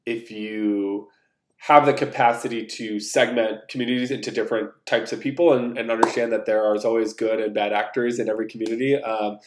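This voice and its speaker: A man's voice: fairly low pitch, steady tone, a little fast. A man hosting a podcast, talking through a solo intro in a loose, rambling way with many fillers and restarts. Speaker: podcast host. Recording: roomy echo.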